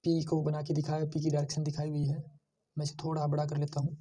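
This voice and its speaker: A man teaching shorthand, slowly repeating each sound and pointing out how every stroke is drawn. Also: on the high side, completely flat delivery, mellow, far from the mic, a little hiss or hum. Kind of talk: screen-share lesson.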